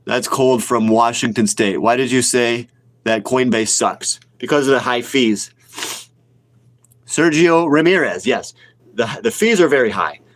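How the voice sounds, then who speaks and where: A man around forty, sick and sniffling with a cold, speaks a little slowly at a medium pitch. He's a retail investor hosting a casual livestream, responding to viewer comments. His style is blunt and opinionated, and he repeats himself to make a point.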